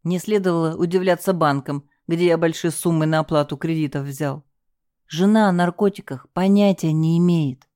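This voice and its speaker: A woman reading a first-person mystery audiobook in a lively, expressive way. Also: sits low, moderate pace, dry recording, clean studio sound. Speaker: audiobook narrator.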